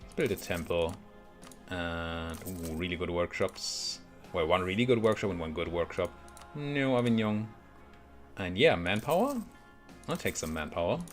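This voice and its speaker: A video game streamer gives casual let's play commentary on a strategy game, thinking aloud and muttering to himself as he goes. His low-pitched voice is animated but measured in pace, with soft music playing in the background.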